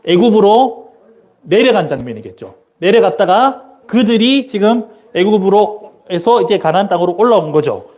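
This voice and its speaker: Man, missionary preacher, Sunday sermon, high-pitched, animated delivery, asks the congregation questions then answers them. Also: moderate pace. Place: church sanctuary during a service. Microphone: church microphone.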